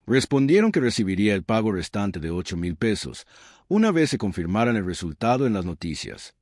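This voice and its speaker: A man's voice: on the low side, sing-song, a little fast, a little mellow, dry recording, studio quality. A man voicing a confident male ally who lays out a plan step by step in an instructive manner, within a read-aloud story.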